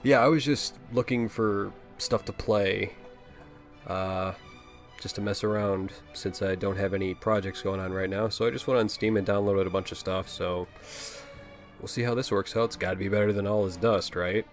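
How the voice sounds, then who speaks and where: A young man with a low, deep voice talks over a game in a loose, joking way. He swears casually and keeps an offhand tone, and a faint bed of music sits underneath. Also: fairly even intonation, moderate pace. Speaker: host. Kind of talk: casual let's-play commentary.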